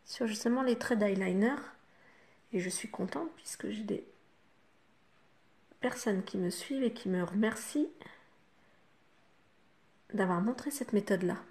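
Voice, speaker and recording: Une femme francophone au ton bavard, qui explique pas à pas son maquillage aux spectatrices avec beaucoup de « hop » et « voilà ». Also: female voice, medium pitch, unhurried, pauses often, darkish tone. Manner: chatty, talks the viewer through each step with fillers like "hop" and "voilà". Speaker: makeup vlogger. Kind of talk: casual makeup tutorial.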